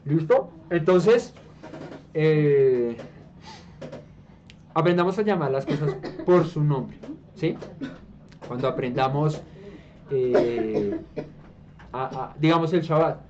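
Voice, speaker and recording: Taking it slowly with long pauses, a Colombian man with a Colombian Spanish accent leads a small Bible study group amid crowd noise. He keeps it conversational, often checking in and hesitantly restarting his explanations. The sound is a dull, low-fi room recording with faint hiss.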